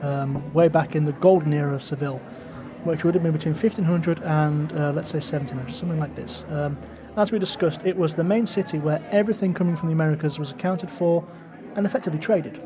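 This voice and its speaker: A man's voice: fairly high pitch, fast, a crowd in the background. A man hosting a walking tour outdoors on a city street, talking in a chatty, digressive way full of fillers. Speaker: podcast host and tour guide.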